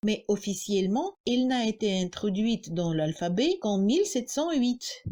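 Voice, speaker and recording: A woman's voice: mid-range voice, expressive, dark tone. A woman with a Russian accent, a native Russian speaker, giving a scripted pronunciation lesson and sounding out example words carefully. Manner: slow, careful, articulating example words one by one. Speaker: language teacher.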